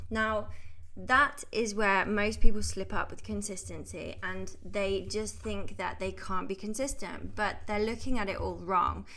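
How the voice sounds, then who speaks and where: This upbeat, chatty podcast host is a health coach from the United Kingdom in her thirties who laughs readily. She speaks at medium pitch with a pushed, bright quality in a casual monologue.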